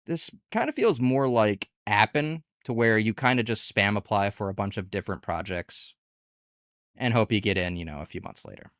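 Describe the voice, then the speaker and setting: A man with a low-leaning, slightly bright voice animatedly reviews online gig work platforms in a casual, candid tutorial, posing rhetorical questions at a moderate pace. The sound is dry and studio-clean.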